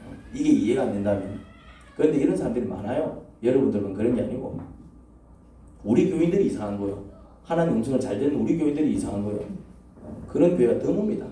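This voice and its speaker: A man's voice: mid-range voice, animated, fast, dark tone, a little hiss or hum. Echoey preacher quizzing his congregation. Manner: rhetorical questions to the congregation. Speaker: pastor. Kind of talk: sermon. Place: church sanctuary. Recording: echoey church from a distance.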